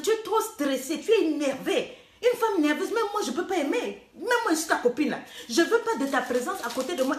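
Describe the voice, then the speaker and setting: A woman coach with a high voice gives playful, teasing relationship advice, dropping English phrases now and then. Her voice rings in an echoey room. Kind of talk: lively advice talk.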